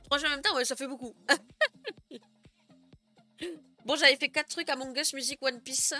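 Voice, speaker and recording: A young woman chats loosely with her stream audience, laughing easily and stumbling through fillers as she goes. Her voice sits a little high and rings bright and forward. Faint music plays quietly underneath. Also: moderate pace. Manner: chatty, giggly, many fillers. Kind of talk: casual live stream chat.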